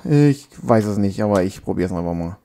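Gravelly man chatting over a game. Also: on the low side, expressive, moderate pace, warm tone, slight background noise. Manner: chatty, joking, scolds the game character. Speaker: let's play gamer. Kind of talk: casual gameplay commentary. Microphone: makeshift home mic setup.

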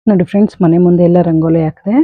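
Racing through her words in a fairly low, fairly even voice, a young vlogger chats to her viewers while cooking and doing chores in her kitchen. The audio sounds narrow and tinny.

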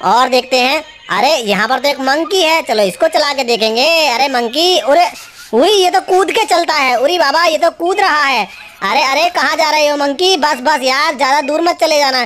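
A woman narrating a toy play video for children, full of excited exclamations and playful scolding of the toys. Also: high-pitched, moderate pace, a little hiss or hum.

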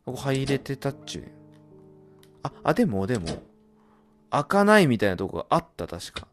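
A man doing horror game commentary, muttering and reading game text aloud, then bursting into loud startled yelps. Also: medium pitch, sing-song, fairly quick, soft background music. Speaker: let's play gamer.

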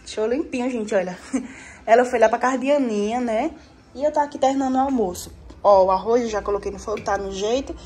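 A woman's voice: a little high, fairly quick, a little mellow. Chatty young woman cooking at home. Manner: chatty, addresses viewers as "gente". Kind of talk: casual cooking vlog. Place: home kitchen, indoors. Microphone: phone held at arm's length.

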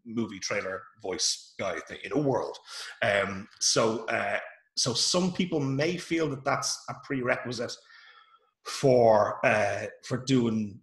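A man with an Irish accent runs a casual online workshop from a room at home, heard over a video call. His mid-range voice is a bit bright, the room is echoey, and he talks informally with lots of fillers and restarts.

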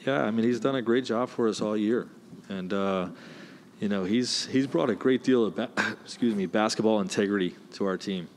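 Man, 40s, head coach at a postgame presser; low voice, measured and filler-heavy, faint background noise. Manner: measured, many "you know" fillers. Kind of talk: postgame press conference answers. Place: indoor press room. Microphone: desk mic, close.

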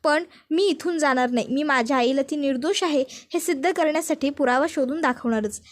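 Brief: stubborn young hero, a woman storyteller doing him, insistent, plain high voice. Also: brisk, natural voice. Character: stubborn young man, proud, defending his mother.

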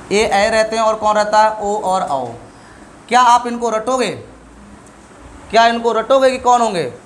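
A man's voice: sits high, slight background noise. A middle-aged male teacher giving a classroom lesson, asking questions and answering them himself while drilling sounds.

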